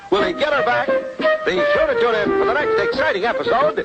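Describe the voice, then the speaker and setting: A man's voice: very high-pitched, wildly swooping pitch, fast talker, gravelly, muffled recording, full character voice. A man narrating an old cartoon serial with dramatic announcer delivery. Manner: dramatic announcer teasing the next episode. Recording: old cartoon soundtrack, loud music.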